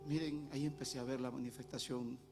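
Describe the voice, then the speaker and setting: A man from Nicaragua with a Nicaraguan accent, telling a faith testimony at a conference and acting out the dialogue with lively energy. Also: mid-range voice, fast talker, creaky, over music. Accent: Nicaraguan Spanish. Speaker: conference speaker. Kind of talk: testimony storytelling. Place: conference stage.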